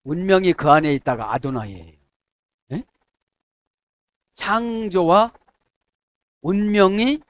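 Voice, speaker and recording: A middle-aged man preaching a sermon as a pastor, checking in with his listeners and acting out quoted prayers in a softer, lower voice. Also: dry recording, studio quality. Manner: asks the congregation "에?" to check agreement.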